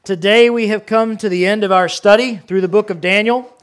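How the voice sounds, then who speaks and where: A male pastor preaching a sermon into a pulpit microphone, earnest, swelling for emphasis and then dropping low and quiet. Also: fairly even intonation, brisk.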